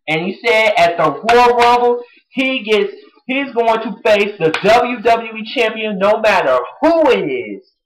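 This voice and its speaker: A fan vlogger recapping a wrestling episode in a casual, gushing way, full of fan slang. Their pitch is lively and swings widely. Now and then they break into a bit of song or a quick impression. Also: a little hiss or hum, rough recording. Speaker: wrestling show reviewer.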